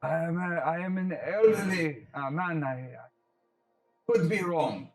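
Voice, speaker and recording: Cautious old man, played by a man, quiet and hesitant, in an echoey room. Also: fairly high pitch, expressive, faint music behind, pitched above the performer's own voice. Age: older. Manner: hesitant, slow, hushed. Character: elderly cautious man giving a warning.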